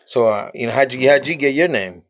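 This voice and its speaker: A man hosting a podcast, asking short, relaxed questions. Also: medium pitch, brisk. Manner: short laid-back questions, frequent murmured "mm-hmm". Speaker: podcast host. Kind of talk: casual podcast interview.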